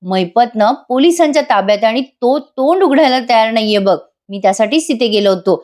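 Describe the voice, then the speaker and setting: Calm earnest young man, firm, read by a woman narrator. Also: fairly high pitch, brisk, close to an everyday voice.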